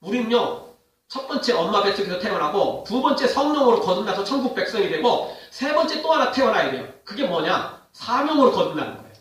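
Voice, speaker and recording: A man preaching a sermon with an animated, high-pitched voice whose pitch climbs and drops constantly. He keeps throwing questions at the congregation. The sound is heavily echoey and comes from well back from the microphone. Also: a little fast, distant mic. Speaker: pastor. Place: church sanctuary.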